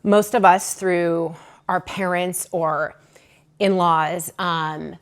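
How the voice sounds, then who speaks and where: A woman hosting a podcast, speaking in a heartfelt, measured way with fillers such as "um" and "you know". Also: lowish voice, little pitch movement, clear, resonant tone. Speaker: podcast host. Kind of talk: podcast intro.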